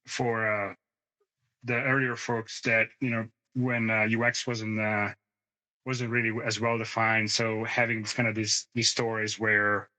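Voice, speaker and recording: A man in his thirties with a fairly low, bright, forceful voice co-hosts a podcast in casual conversation, and the audio quality is poor. He tells rambling stories, goes off on tangents, and laughs often; he moved to the United States ten years ago.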